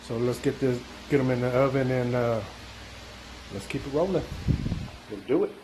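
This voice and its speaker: A man's voice: medium pitch, steady tone, normal speed, noisy background. A man narrating his own workshop vlog in a loose, chatty way, with many fillers and restarts. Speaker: DIY vlogger.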